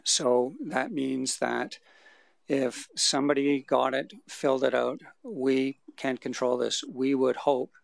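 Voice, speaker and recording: A man presenting survey results at a city council meeting, answering questions in a measured, explanatory way through the chair. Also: medium pitch, fairly even intonation, vocal fry, no room sound. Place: council chamber. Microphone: desk microphone.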